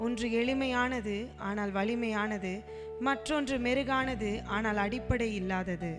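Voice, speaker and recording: A woman gives a scripted, solemn narration with measured phrasing. Her voice is a little higher than usual. Instrumental music plays clearly behind her.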